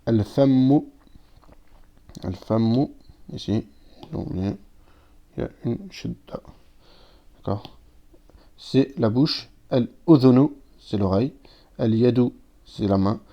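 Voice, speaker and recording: A man's voice: medium pitch, takes it slowly, pauses often. A man teaching a recorded language lesson, patiently explaining step by step and reading out words with their translations. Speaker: Arabic teacher. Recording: dull lo-fi sound.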